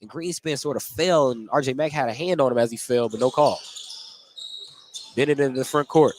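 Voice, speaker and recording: Over background gym noise, a man with a mid-range voice delivers live radio commentary on a basketball game through a headset microphone. Speaking a little fast, he tracks the play in brief running phrases from inside the indoor gym.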